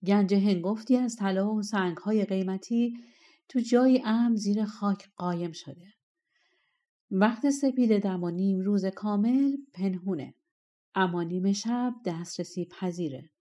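A woman's voice: mid-range voice, mellow, close to an everyday voice. Woman voicing a harsh old mountain treasure spirit. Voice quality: harsh, rough. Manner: scornful, insistent. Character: ancient bearded male mountain treasure spirit, gruff, mocking.

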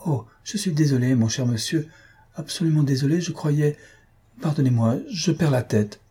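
A man's voice: mid-range voice, normal speed, warm tone, husky. A man voicing a naive, eager young pharmacy student in a storybook reading, with a raised, apologetic voice. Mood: flustered.

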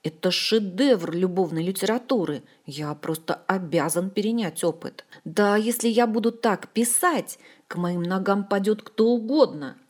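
A woman voicing a lovestruck, green-skinned nonhuman male fiancé who declaims loudly and pathetically in an audiobook. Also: low voice, measured pace, hardly any pauses, voice pushed down. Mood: exalted. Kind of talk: audiobook character voice.

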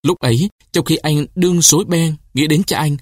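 A man reading a short story aloud with expressive storytelling, raising his voice for cries and quoted shouts. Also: on the high side, moderate pace, dry recording, studio quality. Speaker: narrator.

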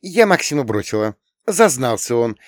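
A man's voice: medium pitch, sing-song, normal speed, no echo, clean studio sound, pitched above the performer's own voice, natural voice. A man voicing a spirited teenage girl who talks bluntly and scolds with indignation. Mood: indignant.

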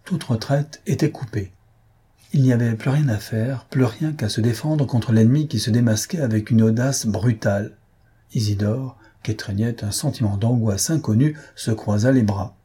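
A man narrating a novel as an audiobook reader in an even storytelling delivery. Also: medium pitch, moderate pace, slightly rough. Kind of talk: scripted narration.

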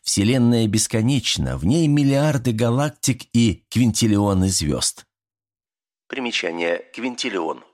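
A man narrating an audiobook in a calm, even storytelling manner. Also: on the low side, a little slow. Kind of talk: scripted narration.

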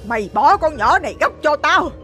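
A woman's voice: high voice, lively intonation, normal speed, a bit bright, faint music behind. A woman voicing a stern older mother who scolds with indignation. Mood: commanding.

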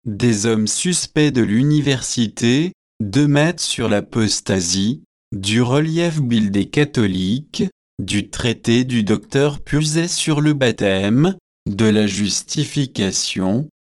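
A man narrating a nineteenth-century novel as an audiobook reader, slow and measured. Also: mid-range voice, lively intonation. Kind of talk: scripted narration.

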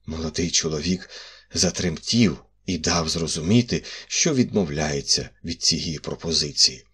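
A man with a husky voice reading a detective audiobook in an expressive first-person narration. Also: extremely low pitch, unhurried.

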